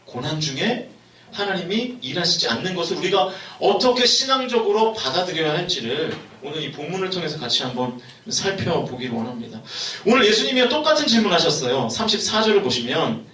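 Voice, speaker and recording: A man's voice: fairly high pitch, sing-song, fairly quick, sharp tone, slight background noise. A young man preaching a sermon as a youth pastor, putting questions to the congregation. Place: church sanctuary. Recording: echoey hall, mic heard from a distance.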